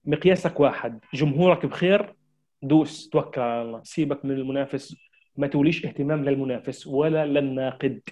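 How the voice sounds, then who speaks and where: A man's voice: medium pitch, fast, darkish tone. A man gives a marketing lecture, addressing his audience directly with urgent, repeated exhortations. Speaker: marketing trainer.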